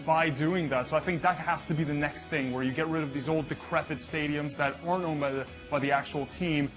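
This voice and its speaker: A man's voice: fairly high pitch, fairly even intonation, fairly quick, over music. A man giving confident football analysis in a casual panel chat. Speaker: football pundit.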